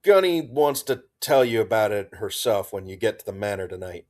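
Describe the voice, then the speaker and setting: A man's voice: fairly low pitch, animated, moderate pace, lightly acted. A man voicing a sardonic woman major leading a military squad, speaking drily. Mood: wry.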